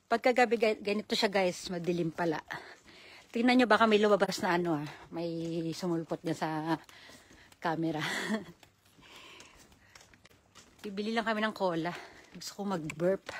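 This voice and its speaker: Slow-talking woman vlogging outdoors at night. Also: mid-range voice, slight background noise. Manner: chatty, laughing often, mixing in Japanese words. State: out of breath from the cold. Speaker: travel vlogger. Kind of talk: casual walking vlog narration. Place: outdoors at night on hotel grounds.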